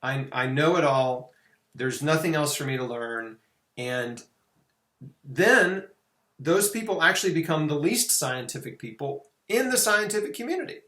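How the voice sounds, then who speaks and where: Recorded with roomy, echoing sound, a middle-aged interview host talks informally through anecdotes, sprinkling in "you know" as the conversation goes. He speaks at a moderate pace in an expressive, slightly high, somewhat bright voice.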